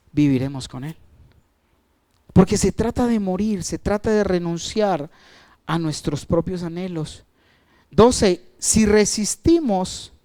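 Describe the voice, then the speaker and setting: Preaching pastor with sweeping delivery. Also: male voice. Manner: asks the congregation questions and answers them; wide swings of pitch and loudness, trailing off at phrase ends. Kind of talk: sermon.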